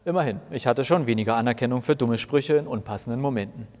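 A man's voice: mid-range voice, fast, a little mellow. A man narrating a first-person story for a weekly sermon podcast in a wry, self-mocking tone. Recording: long reverb.

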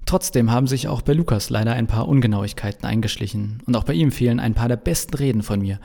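A man's voice: medium pitch, fast talker, gravelly, warm tone. Jesus, smug hot-headed son of God, voiced by a man. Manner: self-assured, boastful. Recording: long reverberant echo.

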